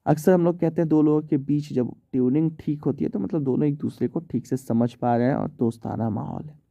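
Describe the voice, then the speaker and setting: A man's voice: on the high side, brisk, vocal fry, mellow, no echo. A man teaching English vocabulary in Hindi in a casual, chatty way, often checking in with "theek hai".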